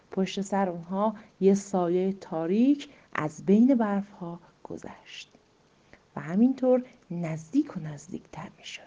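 Woman storyteller, slow suspenseful reading, whispery drops, mellow dark tone, muffled lo-fi sound. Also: mid-range voice. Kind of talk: dramatic story narration. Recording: muffled lo-fi recording.

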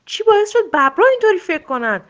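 A woman voicing a wise old male lion in a storybook, asking calm questions. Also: very high voice, muffled recording, voice pushed up.

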